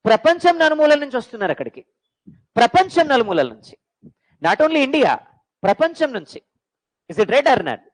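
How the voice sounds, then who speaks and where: A woman's voice: on the high side, a little mellow, low-quality recording. Lady teacher, lecture for exam prep, voice jumps up and down a lot, keeps firing questions at the class. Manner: quizzing students with call-and-response questions; mixes English phrases into Telugu.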